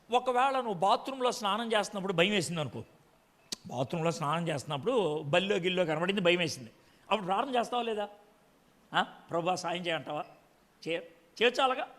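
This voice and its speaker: A man's voice: sits high, a bit bright. Man, preacher, sermon, questions the congregation, long reverb.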